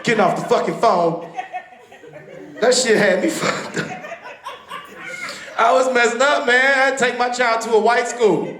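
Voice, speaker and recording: A man doing a stand-up comedy set on a club stage. He talks in a profane, animated way and bursts into shouts. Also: extremely high pitch, unhurried, long pauses. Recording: echoey comedy club room.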